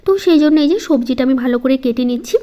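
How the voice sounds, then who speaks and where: Soft-spoken high-voiced woman. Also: animated. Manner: slow, soft-spoken, halting. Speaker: home vlogger. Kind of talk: casual voice-over vlog.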